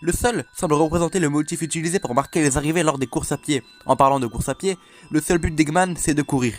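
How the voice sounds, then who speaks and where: A man's voice: on the high side, fast. A man hosting a video, casually recounting an internet horror legend in a chatty, joking way and talking straight to his viewers. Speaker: host.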